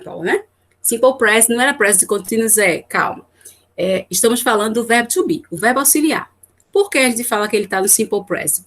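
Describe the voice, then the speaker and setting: A Brazilian woman teaching English in a recorded class, explaining rules step by step and answering her own questions with little check-in tags. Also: fairly high pitch. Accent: Brazilian Portuguese. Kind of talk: recorded online class lecture.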